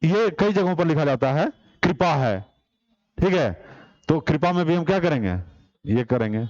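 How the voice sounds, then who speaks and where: A man's voice: on the high side, lively intonation, normal speed, a little mellow, dry recording, dull audio. A man teaching an online exam-prep class, explaining step by step and putting rhetorical questions to the class.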